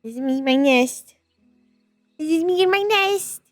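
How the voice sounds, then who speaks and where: Playful, high-voiced gamer girl, childlike and unhurried. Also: expressive, no echo, studio quality, faint music behind. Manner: playful, childlike, repetitive baby-talk phrasing. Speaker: streamer role-playing in a virtual world. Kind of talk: playful gamer chat, in-character role-play.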